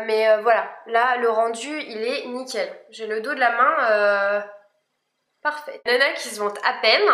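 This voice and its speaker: A woman's voice: on the high side, sharp tone, roomy sound. A young woman chatting casually through a makeup review, full of fillers and restarts. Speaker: beauty vlogger.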